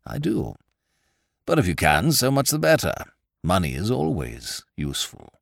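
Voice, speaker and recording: A man voicing a cool, sardonic gentleman gambler who drawls his insults. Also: on the low side, wildly swooping pitch, normal speed, gravelly, no room sound, clean studio sound, heavily acted. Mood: sneering.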